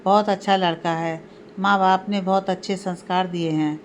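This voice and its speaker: A woman's voice: on the low side, fairly even intonation, normal speed, slight background noise, lightly acted. A woman voicing a kind, approving middle-aged father in a read-aloud family story.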